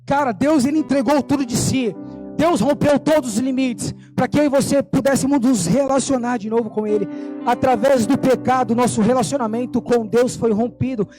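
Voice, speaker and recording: Fervent, mellow-voiced male preacher. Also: extremely high pitch, soft background music. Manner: fervent, emphatic, slows down for key points. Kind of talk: sermon with storytelling.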